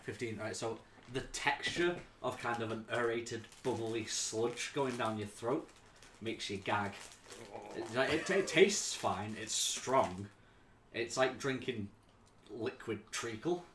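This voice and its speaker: A man's voice: mid-range voice, slow. A man running a tabletop game as game master, describing the scene vividly and casually. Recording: echoey room with faint noise.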